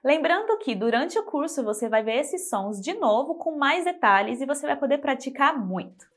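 A woman teaching a scripted pronunciation lesson, speaking clearly and slowing down to model example words. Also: high-pitched, sing-song. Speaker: Spanish teacher.

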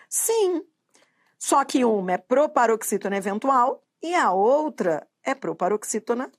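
High-voiced Brazilian woman teaching grammar. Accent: Brazilian Portuguese. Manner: drills with repeated quiz questions, stretches key terms slowly. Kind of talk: exam-prep grammar lesson.

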